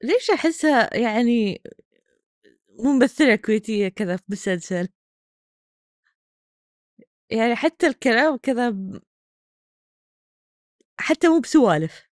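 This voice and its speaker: A woman's voice: fairly high pitch, expressive, measured pace, pauses often, dry recording, clean studio sound. A woman hosting a podcast, commenting on clips in a mocking, exasperated way. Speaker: podcast host reacting to clips. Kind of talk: sarcastic commentary.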